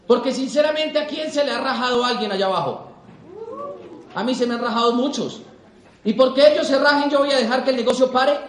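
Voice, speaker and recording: A man's voice: very high-pitched, brisk. A young man from Colombia giving an emphatic motivational talk to a live audience, full of repeated rhetorical questions. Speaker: motivational speaker. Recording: echoey hall.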